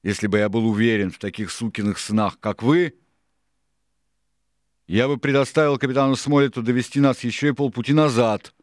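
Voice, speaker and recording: A man voicing a cunning, domineering older pirate cook in an audiobook, lecturing loudly and scornfully. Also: mid-range voice, fairly quick, no room sound, clean studio sound, voice pushed up, lightly acted. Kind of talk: audiobook character reading.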